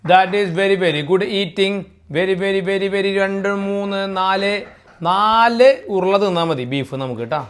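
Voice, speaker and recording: In a clear, resonant, medium-pitched voice, a woman vlogs slowly about her home cooking for her family channel. She chats freely, slipping English into Malayalam as she narrates. The setting is her kitchen and dining area at home.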